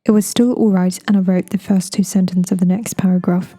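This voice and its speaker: A woman with an English accent reading an audiobook in a measured, deadpan way. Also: on the low side. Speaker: audiobook narrator. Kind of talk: scripted audiobook narration.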